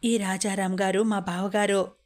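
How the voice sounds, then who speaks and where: A woman's voice: mid-range voice, level tone, a little slow, darkish tone, natural voice. A woman voicing a caring, apologetic young wife who talks in a soothing, pleading way.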